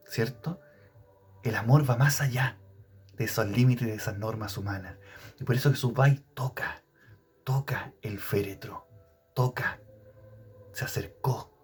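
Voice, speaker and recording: A man preaching a Gospel reflection. He asks his listeners questions and stretches out the words he wants to stress. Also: mid-range voice. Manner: expressive, questioning, drawn-out emphasis. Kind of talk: sermon-style Gospel reflection.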